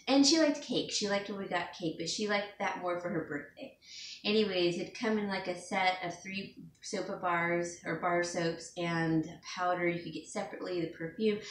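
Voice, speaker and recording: A home stager and DIY vlogger chats casually to camera from home in a mid-range voice at normal speed, rambling with fillers and small laughs and sniffling a little from allergies. She sits some distance from the mic, so she sounds echoey and roomy. A faint hiss runs beneath the whole recording.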